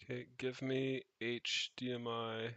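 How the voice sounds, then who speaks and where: This streamer speaks at medium pitch in a flat, unhurried way, his tone fairly bright though the audio is dull and free of room sound. Indoors at his rented place, the tech hobbyist chats off the cuff while tinkering, thinking out loud with the odd casual curse.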